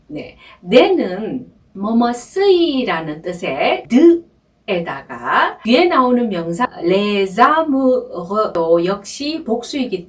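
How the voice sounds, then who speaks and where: A woman teaching French pronunciation in a slow, patient lesson, repeating each word and filling pauses with soft sounds. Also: mid-range voice, distant mic. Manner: patient, repeats words slowly, many soft fillers.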